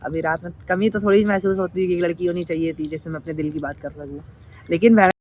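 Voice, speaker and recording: Outdoors at night, a teenage vlogger talks into his phone camera at a quick pace, his high voice steady and darkish. The casual, unfiltered chat rambles along full of slang and crude banter.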